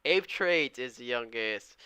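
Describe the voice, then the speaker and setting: A man in his twenties, a live-stream day trader, chats casually on his trading stream, reading viewer comments aloud and thanking people in an upbeat, slangy manner. His medium-pitched voice is animated, pushed and bright, at a measured pace. The sound is smooth with no echo.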